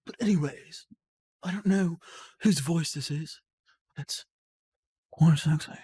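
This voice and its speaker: A young man co-hosting a casual podcast, speaking loudly and jokingly through a voice changer set to a deep radio-style voice. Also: takes it slowly, slightly rough. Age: young adult. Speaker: podcast co-host. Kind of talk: casual chat.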